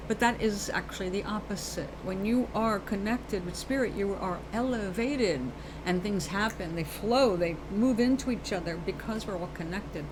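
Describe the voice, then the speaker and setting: Barely pausing, a New York woman with a New York accent rambles earnestly about spirit while hosting a live show, a casual spiritual chat where she calls listeners baby and darling. Her mid-range voice moves at normal speed against a noisy background.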